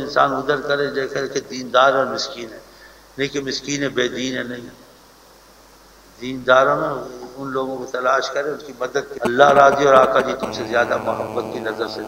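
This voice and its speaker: A man's voice: mid-range voice, sharp tone. A man giving an informal religious talk, earnestly advising his listeners and repeating his points. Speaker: religious teacher. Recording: echoey room, distant mic, hiss.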